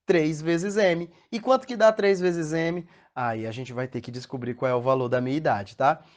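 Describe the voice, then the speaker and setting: With a fairly high voice and moderate pace, a Brazilian Portuguese–accented man walks his class through a recorded math lesson one step at a time. He's patient and keeps asking questions to make sure students are following.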